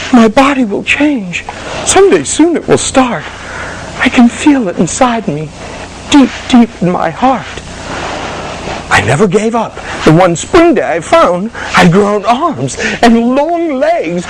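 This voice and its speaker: A man's voice: very high-pitched, vocal fry, noisy background. A man presenting poetry for children in a theatrical storytelling style. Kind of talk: storytelling and poem recital for children.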